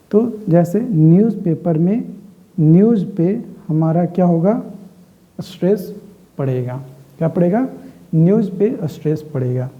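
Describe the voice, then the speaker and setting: A man teaching a lesson on word stress, speaking slowly and repeating key words, with frequent checks on whether students are following. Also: fairly high pitch. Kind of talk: classroom lecture. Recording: tinny phone-like audio.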